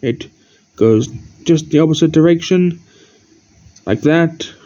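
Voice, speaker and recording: A man's voice: fairly high pitch, dark tone. Tired man rambling over his toys. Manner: rambling, halting, pointing out details one by one. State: tired, yawning often. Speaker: toy collector showing his collection. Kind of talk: casual show-and-tell narration. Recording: dull lo-fi recording.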